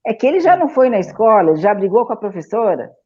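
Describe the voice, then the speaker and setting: A woman on a talk show panel who speaks forcefully in firm, declarative statements. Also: mid-range voice, sing-song, fast talker, husky. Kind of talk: opinionated talk show discussion. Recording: dull, muffled lo-fi sound.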